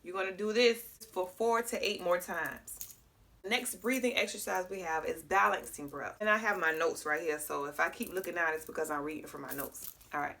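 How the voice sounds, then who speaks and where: A woman's voice: fairly low pitch, brisk, vocal fry, pushed and bright. A woman teaching breathing exercises in a casual, direct way, often checking in with viewers. She is a little congested and sounds slightly clogged. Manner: talks straight to viewers, checks in with frequent "okay?". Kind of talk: casual guided breathing lesson.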